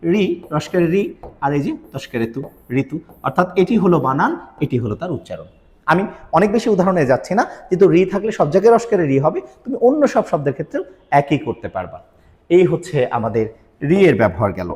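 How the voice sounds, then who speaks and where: A man's voice: a little high, darkish tone, big-room sound. A man teaching pronunciation rules, explaining step by step and quizzing his students. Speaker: Bangla grammar teacher. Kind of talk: recorded video lesson.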